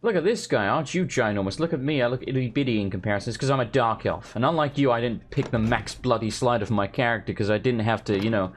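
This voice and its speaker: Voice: mid-range voice, fast, hardly any pauses, slight background noise. A game player giving casual, sarcastic, wisecracking commentary with some swearing. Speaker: let's player.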